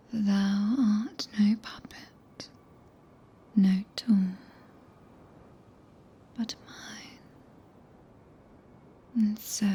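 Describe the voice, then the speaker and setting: A British woman voicing a tender, possessive, regal witch in a breathy, intimate whisper for an ASMR roleplay, speaking archaic English close to the microphone. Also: mid-range voice, exaggerated voice. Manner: slow, hushed, intimate, solemn. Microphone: close binaural microphone.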